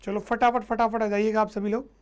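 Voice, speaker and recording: Brief: man, lively online tutor, repeats and quizzes, rather high voice. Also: a little fast, clear, resonant tone. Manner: energetic, repeats and quizzes students. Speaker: English teacher. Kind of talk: live online class.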